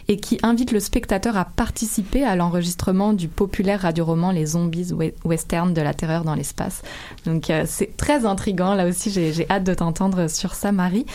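A woman's voice: mid-range voice, warm tone. A woman hosting an interview in a conversational way, gathering her thoughts aloud as she goes. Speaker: interview host.

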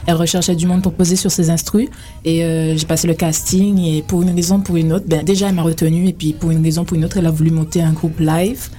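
A young woman from Guadeloupe, a singer being interviewed on the radio, relaxed and rambling with many fillers. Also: low-pitched, fast, soft background music. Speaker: singer guest.

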